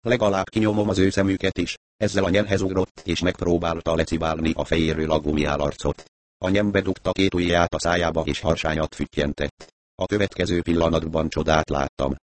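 A man's voice: rumbling low, fairly even intonation. A man narrating a first-person adventure novel in a wry storytelling manner. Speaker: audiobook narrator.

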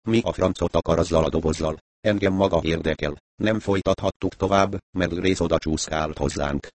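A low-pitched man reads a story aloud in a calm, even way. The sound is close and dry, with no room around it. He lifts his voice a little for the characters' lines. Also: no room sound. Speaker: audiobook narrator. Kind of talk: scripted narration.

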